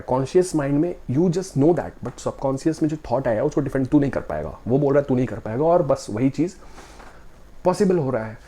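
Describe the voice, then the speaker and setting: A man's voice: on the high side, mellow. A man giving a motivational talk, speaking directly and conversationally to the viewer and asking rhetorical questions.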